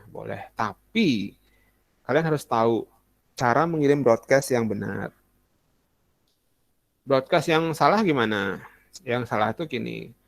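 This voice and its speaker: A man's voice: medium pitch, creaky, no room sound. A young adult male teacher giving a casual classroom lesson, chatty and full of examples, often acting out short student messages.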